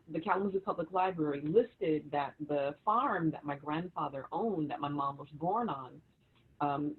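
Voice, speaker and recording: Brief: husky-voiced woman co-host, animated storyteller, thin call audio. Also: sits low. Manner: storytelling, animated with many restarts. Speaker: co-host and author. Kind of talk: casual livestream conversation. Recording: tinny phone-like video call audio.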